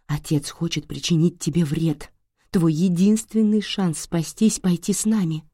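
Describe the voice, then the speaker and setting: A woman reading an audiobook, voicing a tense young woman who speaks in an urgent hush. The recording is close and dry. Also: on the low side, steady tone, moderate pace, slightly rough, no room sound. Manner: hushed, urgent.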